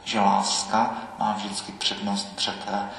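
A man giving a measured, reflective sermon as a priest, often pausing with hesitations. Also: fairly low pitch, completely flat delivery, a bit bright, a little hiss or hum. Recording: echoey church hall, faint ambience.

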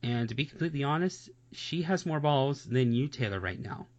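In a casual music reaction chat, a male co-host talks bluntly and swears, leaning on "seriously" and "honestly" again and again. His medium-pitched voice is animated and brisk, and the recording has a dull lo-fi quality.

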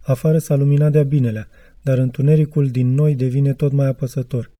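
Very dark, measured male audiobook reader. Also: mid-range voice, fairly even intonation, no echo. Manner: measured, reflective reading. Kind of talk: literary audiobook narration.

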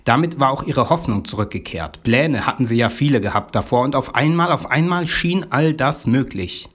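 Man preaching in a slow storytelling sermon. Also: animated. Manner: measured, dramatic pauses, drops to a low quiet voice.

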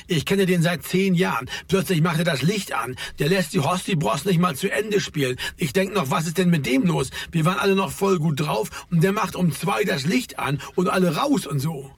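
A man's voice: high-pitched, a little fast, hardly any pauses, no echo, pitched above the performer's own voice. A man voicing an agitated, complaining male club organizer. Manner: worked-up, complaining.

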